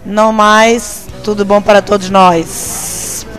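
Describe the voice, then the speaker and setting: A woman from Angola with a Portuguese accent, a teacher giving a chatty self-introduction with pauses and self-corrections. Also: mid-range voice, little pitch movement, faint music behind. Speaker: English teacher.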